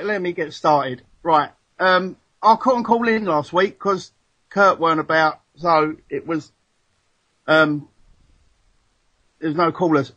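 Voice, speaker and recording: A man's voice: fairly high pitch, a bit bright. A man calling in over the phone to a casual chat show, rambling with many ums and restarts. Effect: heard over the phone. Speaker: caller. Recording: muffled lo-fi phone line.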